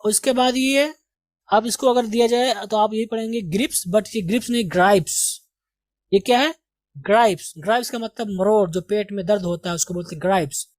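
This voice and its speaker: A woman's voice: medium pitch, a little mellow, dry recording. Lady teacher going over english words one by one, asks and answers herself, dry mic. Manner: slow, deliberate pronunciation drills with quiz questions. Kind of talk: vocabulary lesson.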